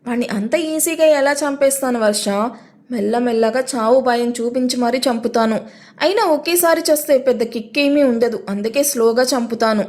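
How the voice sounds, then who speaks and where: A man's voice: very high voice, normal speed, a little mellow. A woman reading an audio story, voicing a possessive, violent young man who speaks in a cold, commanding way. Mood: menacing.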